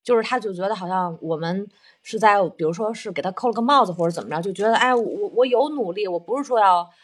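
A woman's voice: medium pitch, fast. A woman telling a personal story in casual conversation, earnest and self-reflective, explaining her feelings at length.

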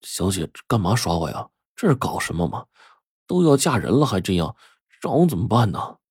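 A man's voice: sits low, animated, normal speed, a little mellow, dry recording, studio quality. A man voicing a poor, timid young farmhand who stammers and pleads in a told story. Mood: forlorn.

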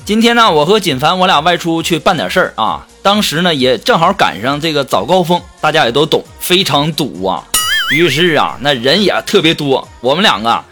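Lively man telling jokes over music. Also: on the high side, brisk. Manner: animated, laughing at own jokes. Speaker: comedy show host. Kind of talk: joke telling for a radio-style show.

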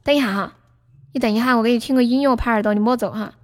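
A woman's voice: on the high side, rapid-fire, darkish tone. A woman hosting a livestream, chatting casually and playfully with viewers. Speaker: livestream host. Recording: music playing behind the voice.

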